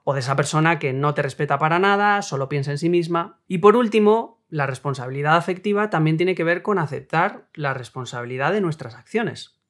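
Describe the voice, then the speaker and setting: Man explaining calmly, fairly high voice. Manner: calm, reasoned explaining with worked examples. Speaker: self-help video host. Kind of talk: explanatory talk on relationships.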